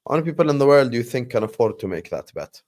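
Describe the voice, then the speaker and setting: Racing along at medium pitch, this Jordanian livestream host speaks with an Arabic accent, Arabic being his native tongue. He keeps his watchalong chat casual and animated, giving his viewers shout-outs.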